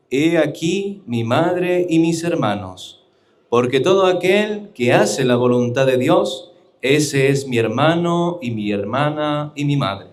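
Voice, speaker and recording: Man, mid-pitched, slow and measured scripture reading. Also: a little mellow.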